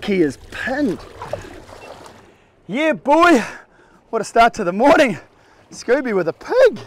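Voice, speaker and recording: Excitable New Zealand fishing host, lively pitch. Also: male voice, takes it slowly. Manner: excitable, whooping, swears freely. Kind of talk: casual on-the-water commentary. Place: outdoors on the deck of a small fishing boat at sea. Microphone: action camera mounted on the boat. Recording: wind and engine noise on open water.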